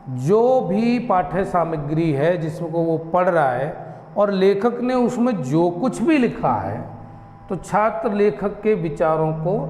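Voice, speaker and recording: Slow, high-voiced male teacher, echoey room. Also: darkish tone. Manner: slow, deliberate, drawn-out syllables, rhetorical questions. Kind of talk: classroom lecture. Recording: echoey room, faint ambience.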